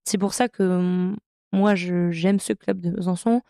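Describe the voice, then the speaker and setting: Unhurried and steady, with vocal fry, this fairly low female voice is recorded at studio quality with no room sound. She's a thirty-something handball pro from France recounting her career on a podcast, hesitating often and using many fillers, but clearly warm and enthusiastic about it.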